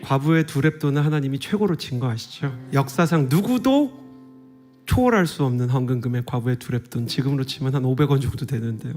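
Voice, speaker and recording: Mellow-voiced man preaching earnestly. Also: mid-range voice, a little fast, faint music behind. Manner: earnest, conversational preaching with soft whispered asides. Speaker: guest pastor. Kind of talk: revival sermon. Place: church sanctuary.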